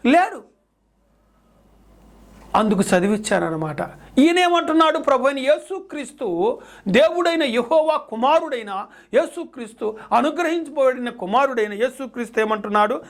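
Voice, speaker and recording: A man's voice: very high-pitched, animated, normal speed. Man preaching, echoing verses phrase by phrase. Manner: repeats scripture phrase by phrase, then preaches with emphatic rhetorical questions. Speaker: pastor. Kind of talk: sermon.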